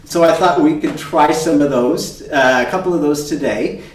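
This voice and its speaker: A man who teaches cello, introducing himself and his topic on a video call in a measured way. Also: fairly high pitch. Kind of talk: casual presentation in a video call. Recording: roomy, distant mic with faint noise.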